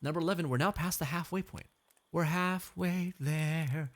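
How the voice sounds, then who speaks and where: Here a male VTuber fills the gaps between karaoke songs with playful banter, cracking jokes, laughing frequently, and reading chat out loud. His voice sits a little high and moves at a normal speed.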